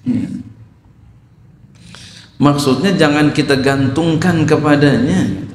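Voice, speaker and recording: A man's voice: a little high, slow, a little hiss or hum. A man giving a sermon, explaining Arabic text phrase by phrase and asking his listeners questions. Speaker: Islamic teacher. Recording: echoey hall.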